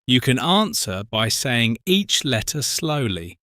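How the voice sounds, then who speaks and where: A British man in his forties co-hosting an English lesson podcast, speaking slowly and clearly for learners. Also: medium pitch, very animated, pushed and bright, dry recording, clean studio sound. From Britain. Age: 40s. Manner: slow, careful, spells out words. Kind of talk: slow scripted teaching talk.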